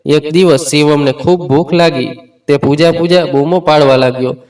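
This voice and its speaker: A man's voice: on the high side, steady tone, normal speed, a little mellow, distant mic, rough recording. A man narrating a family story in a plain reading voice, stumbling now and then over words and restarting them. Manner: reads all characters' lines in his own voice, with small restarts.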